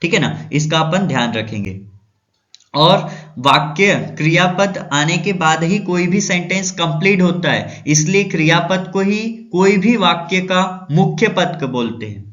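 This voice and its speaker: Guy teaching a grammar class, kinda high voice, asks a question then answers it himself, muffled lo-fi audio. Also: expressive, measured pace, a bit bright. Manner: asks questions and answers them himself, repeats key terms. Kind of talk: explaining grammar to viewers. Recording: dull, lo-fi sound.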